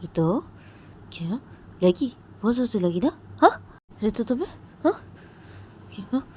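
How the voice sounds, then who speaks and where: A woman voicing a domineering, quick-tempered young woman who scolds with repeated sharp questions. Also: on the high side, big pitch swings, a little hiss or hum, voice pushed up. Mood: scolding.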